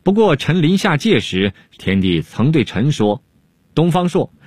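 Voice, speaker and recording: A man's voice: fairly high pitch, sing-song, measured pace, darkish tone, breathy edge, dry recording, studio quality, pitched above the performer's own voice, exaggerated voice. A man voicing a sly, unflappable male Han court jester-scholar who talks in a teasing, self-assured drawl. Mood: pleading.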